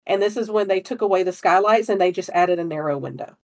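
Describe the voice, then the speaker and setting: A woman's voice: fairly low pitch, quick pace. A woman co-hosting a podcast, casually telling a history story in a rambling way with frequent giggles. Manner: rambling, breaks into giggles often. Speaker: podcast co-host.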